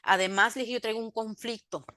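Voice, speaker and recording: A woman's voice: a little high, fairly even intonation, brisk, bright, forceful tone, dry recording, clean studio sound. A woman, giving a faith testimony in an interview, telling her story by acting out both sides of the remembered conversations and turning emphatic when she preaches.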